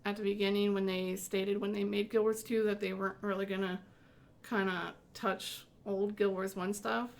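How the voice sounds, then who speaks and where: A woman's voice: mid-range voice, little pitch movement, moderate pace, gravelly. Rambling woman hosting a casual game chat. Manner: rambling, many fillers and restarts. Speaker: host.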